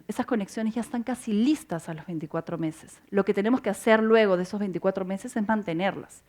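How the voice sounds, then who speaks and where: A woman giving a conference talk with slides, explaining points and asking rhetorical questions. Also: medium pitch. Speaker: conference speaker. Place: conference hall.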